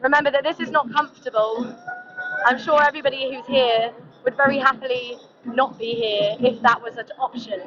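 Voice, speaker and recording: High-voiced woman reporting amid a crowd. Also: steady tone, fairly quick. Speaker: live stream host, interviewer. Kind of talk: live reporting and casual interviewing. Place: outdoors at a protest. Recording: muffled outdoor live stream with crowd. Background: crowd noise.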